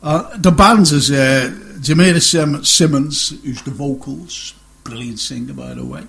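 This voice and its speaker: A man's voice: medium pitch, a little slow, creaky, fairly bright tone. A middle-aged man hosting a casual radio chat show, rambling and joking and laughing often.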